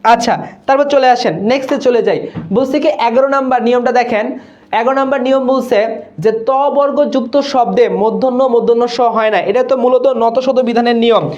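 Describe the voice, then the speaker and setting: A man's voice: very high voice, steady tone, fast talker, a little mellow, highs cut off. A man from Dinajpur, Bangladesh, teaching Bangla spelling in a live online class, repeating words and often checking that students follow.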